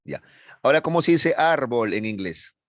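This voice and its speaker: A man's voice: medium pitch, very animated, moderate pace, no echo, lo-fi sound. A male teacher giving a classroom lecture, explaining step by step and often checking that students follow. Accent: Peruvian Spanish. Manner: explains with frequent checks for understanding.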